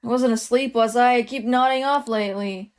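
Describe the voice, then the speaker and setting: A woman's voice: on the high side, steady tone, a little fast, close to an everyday voice. A woman voicing a casual, easygoing young producer who keeps spacing out. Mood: dozy. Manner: casual, easygoing, self-deprecating. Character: sleepy, scatterbrained young adult producer.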